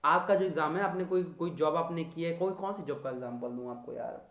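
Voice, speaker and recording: A man's voice: on the high side, fast talker, a bit bright, reverberant. A young man teaching economics to exam students in a chatty, teasing lecture style. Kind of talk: casual Hindi lecture.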